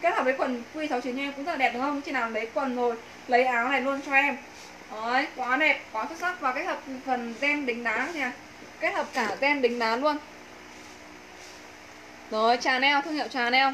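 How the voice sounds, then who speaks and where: A woman in her thirties with a Northern Vietnamese accent, giving a persuasive, emphatic sales pitch on a clothing livestream. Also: a little fast, bright, forceful tone. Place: small indoor clothing shop room. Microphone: phone a few steps away. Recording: roomy echo, faint background noise.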